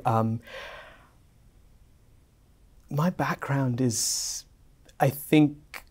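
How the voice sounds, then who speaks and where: A middle-aged man from Singapore, a guest historian answering at length in a measured, fluent way in a bright office lounge. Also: medium pitch. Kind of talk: academic conversation.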